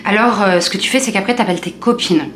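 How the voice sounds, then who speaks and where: A woman's voice: mid-range voice, quick pace, a little hiss or hum. A woman comedian giving a chatty, teasing comic monologue straight to the viewer. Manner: chatty, direct address, teasing. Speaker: comedian vlogger.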